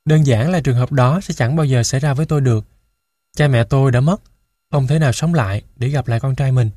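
Steady male storybook narrator, dry sound. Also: medium pitch, no echo. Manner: steady, measured reading. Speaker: audiobook narrator. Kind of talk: first-person story narration.

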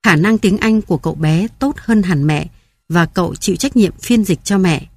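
A woman reading an audiobook in a calm, measured narration. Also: lowish voice, slightly rough.

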